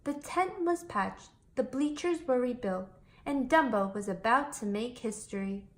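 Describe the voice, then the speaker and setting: Here a woman narrates a children's picture book expressively. She speaks slightly high and slightly slow.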